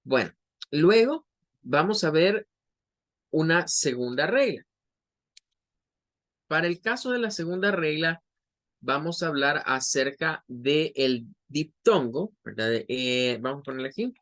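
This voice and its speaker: Slow, patient Spanish-speaking English teacher. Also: male voice, a little high, animated, fairly bright tone. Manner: slow, patient explaining with drawn-out example words. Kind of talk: online class lesson.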